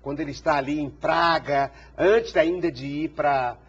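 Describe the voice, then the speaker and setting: A talk show host with a slightly high, somewhat rough voice speaks at a moderate pace while introducing and interviewing his guest. He tends to ramble and stumble over repeated words, and the broadcast recording sounds dull with faint hiss.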